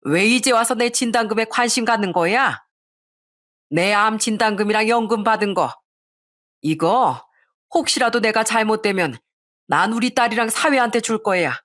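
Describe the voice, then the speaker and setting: A woman's voice: on the high side, moderate pace, a bit bright, lightly acted. A woman reading an angry older mother who scolds her greedy son and daughter-in-law in a raised, indignant voice. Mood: stern.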